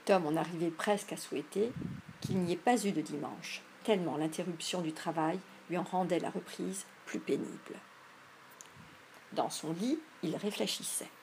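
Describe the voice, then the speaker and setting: A woman narrating an audiobook in a measured, expressive storytelling manner. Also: on the low side, slight background noise. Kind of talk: audiobook reading.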